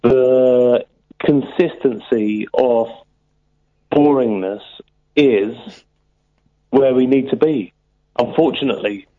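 A man calling into a radio show over the phone, talking in a slow, musing, earnest way. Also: medium pitch. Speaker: caller. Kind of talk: casual phone-in call. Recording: tinny phone line.

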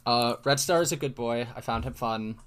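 A man's voice: medium pitch, normal speed, fairly bright tone, clean tone. A man co-hosting a podcast in casual chat, dry and casually swearing. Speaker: podcast co-host.

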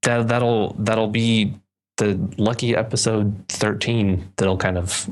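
A man's voice: lowish voice, level tone, takes it slowly. A young man co-hosting a podcast in casual, rambling chat, often restarting his sentences. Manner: rambling, self-correcting, loose. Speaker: podcast co-host.

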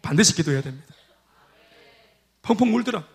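A man's voice: high-pitched, expressive, fairly quick. A man preaching a sermon, calling out for amens and hallelujahs. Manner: call-and-response preaching, repeated amens and hallelujahs. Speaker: pastor. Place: church sanctuary.

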